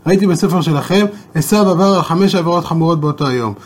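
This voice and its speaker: A man's voice: fairly high pitch, a little mellow, pitched above the performer's own voice, close to an everyday voice. A man playing a furious, scolding king. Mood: mocking, accusing. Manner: raised, scolding, accusing. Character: angry, haughty gentile king.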